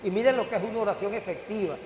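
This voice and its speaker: A man's voice: high-pitched, racing, darkish tone. An older man preaching a sermon as pastor, with rising bursts and questions to the congregation. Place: church hall. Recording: echoey church hall with faint hiss.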